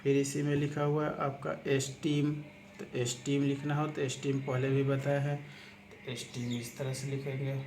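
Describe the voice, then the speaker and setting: A man's voice: mid-range voice, monotone, moderate pace. A man teaching a shorthand lesson, explaining step by step, repeating himself often and spelling words out letter by letter. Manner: repetitive, step-by-step explaining, keeps saying "aapka". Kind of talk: spoken lesson walking through examples. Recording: echoey room with clear background noise.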